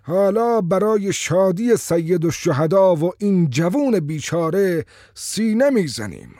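A man voicing a thin older male cleric who preaches slowly in a hoarse, nasal voice. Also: sits high, sing-song, warm tone, no echo, studio quality, voice pushed up. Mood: fervent. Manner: slow, drawn-out preaching.

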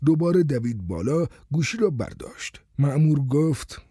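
A man reading a story aloud as narrator in a expressive reading style. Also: on the high side, slightly rough, dry recording, studio quality. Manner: expressive reading, voices the characters. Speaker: audiobook narrator.

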